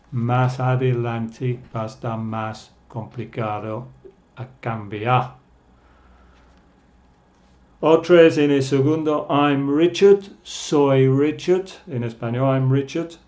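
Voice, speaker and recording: A man teaching a beginners' English lesson, speaking slowly and carefully and repeating each phrase so learners can copy it. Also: medium pitch, warm tone. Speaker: language teacher.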